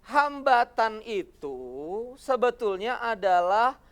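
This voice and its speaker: A motivational religious speaker, giving an animated talk on television, firing rhetorical questions and acting out quoted voices. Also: medium pitch, slow, smooth. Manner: addresses the audience as friends.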